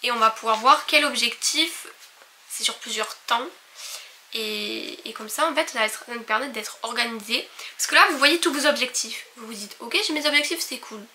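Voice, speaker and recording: A woman's voice: a little high, moderate pace, sharp tone, slight background noise. A young woman chatting casually to camera in her own bedroom, full of fillers and restarts. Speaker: vlogger. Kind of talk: casual vlog chat.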